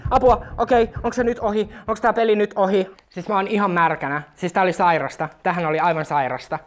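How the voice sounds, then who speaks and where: A young woman playing a horror game out loud, full of giggly, nervous bravado. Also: medium pitch, steady tone.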